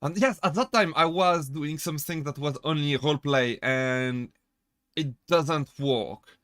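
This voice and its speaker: A man on a casual chat stream, talking as a VTuber with a bright, forceful tone that sits a little high. He rambles, corrects himself mid-sentence and breaks into laughter while answering chat. The sound is dry and close, with no room around it. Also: a little slow, no echo. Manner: chatty, rambling, self-correcting.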